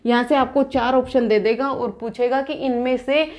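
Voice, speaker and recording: High-voiced woman teaching an exam lesson. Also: steady tone, moderate pace, darkish tone. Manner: explains by asking questions and answering them; restates terms in both English and Hindi. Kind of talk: exam-prep lecture.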